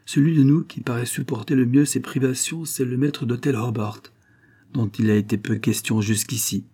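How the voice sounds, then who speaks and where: A man giving a measured, steady reading of a novel as an audiobook narrator. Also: mid-range voice, husky. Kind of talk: scripted literary narration.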